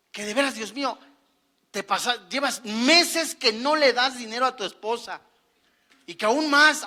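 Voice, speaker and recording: A pastor preaching a sermon in a church, joking with the congregation and rising to emphatic near-shouts. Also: male voice, very high-pitched. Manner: preaching with humor, acting out quoted prayers.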